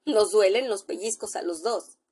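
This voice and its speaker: A woman's voice: mid-range voice, normal speed, darkish tone, natural voice. A woman voicing a terrified young male doctor who trembles and gasps out panicked, pleading exclamations in a spoken storybook. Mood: shaken.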